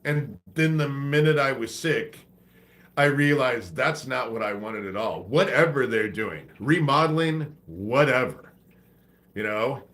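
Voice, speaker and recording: Fighting a congested head cold, a man hosts a live stream full of loose, rambling, profane chatter. His medium-pitched voice is expressive and a little bright, and he speaks at a measured pace.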